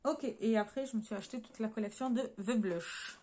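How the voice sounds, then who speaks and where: Against a noisy background, a woman with a fairly high, brisk voice talks her viewers through a beauty haul. She shows swatches as she addresses them directly, stumbling over frequent fillers and self-corrections along the way.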